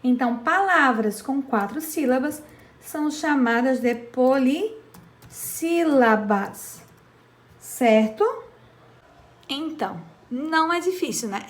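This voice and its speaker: Woman teacher, high voice, slow deliberate delivery, echoey room. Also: fairly bright tone. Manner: slow, patient, stretches out syllables, checks in with "certo?". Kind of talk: children's grammar lesson.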